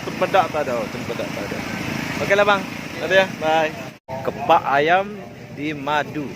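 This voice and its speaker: A man's voice: on the high side, normal speed. A man talking in a casual, chatty way as he hosts a walking market vlog, often addressing people like mates. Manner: chatty and informal, often addressing listeners and vendors as boss or brother. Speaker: vlogger, host. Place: busy outdoor night market. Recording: very noisy outdoor street ambience. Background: loud vehicle and street noise.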